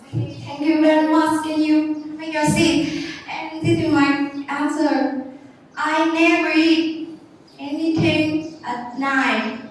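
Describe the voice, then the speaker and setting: A woman's voice: high voice, steady tone, takes it slowly, a little hiss or hum. A young woman with a Vietnamese accent giving a class presentation, reading out answers carefully and calling on classmates. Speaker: student presenter. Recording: echoey classroom hall from far off.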